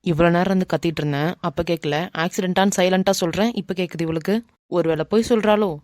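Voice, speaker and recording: A woman voicing a brash, bossy but softhearted young man in a cartoon, muttering to himself and scolding, with a Kanyakumari Tamil accent. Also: lowish voice, fast, no room sound, studio quality, natural voice. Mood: gentle. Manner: mutters to himself, scolds then turns gentle. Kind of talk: animated cartoon dialogue.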